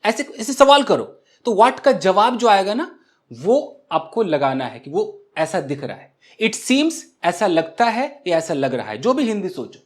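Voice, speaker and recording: Slow, lively male grammar teacher. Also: high voice. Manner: repeats example sentences and checks understanding often. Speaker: English teacher. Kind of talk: explanatory grammar lesson.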